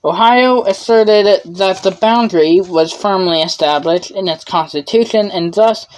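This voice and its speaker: Her voice is medium-pitched and somewhat dark, and she takes her time, though the audio quality is poor. This young woman is working through a written history lesson, often tripping and restarting because she's losing her voice.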